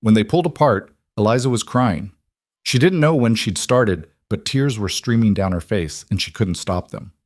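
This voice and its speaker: A man with a low voice reads a frontier romance in measured, steady scripted narration. The sound is dry and close, with no room echo at all. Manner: measured, even storytelling.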